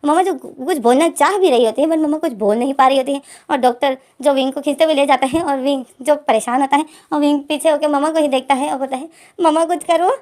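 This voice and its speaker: A woman's voice: high-pitched, fast, few pauses, darkish tone. A woman retelling a fan story casually, chaining lines with repeated fillers. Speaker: fanfiction storyteller.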